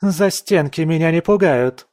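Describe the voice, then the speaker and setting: This is an audiobook character voice: a man portraying a defiant young woman journalist with a provocative, haughty, sharp-tongued and taunting manner. Lightly acted, his voice runs on the high side, above his usual pitch, and a little slow. The recording is dry and of studio quality.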